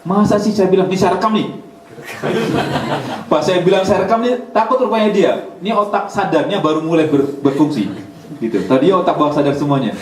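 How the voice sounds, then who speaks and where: A man giving a religious study talk, an animated storyteller who acts out dialogue and jumps high in pitch when quoting others. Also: a little fast. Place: community hall in Germany. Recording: echoey room, speaker far from mic, faint hiss.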